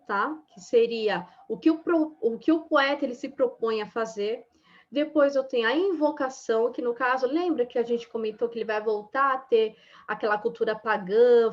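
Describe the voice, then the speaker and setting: A woman's voice: a little high, a little mellow. A woman teaching a lesson in a chatty, casual way, full of little fillers. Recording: dull lo-fi sound.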